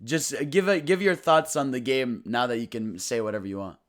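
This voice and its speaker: A man hosting a casual gaming podcast, introducing guests and joking loudly with lots of swearing. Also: mid-range voice, big pitch swings, brisk. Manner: loud, joking, swears, laughs often. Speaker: podcast host.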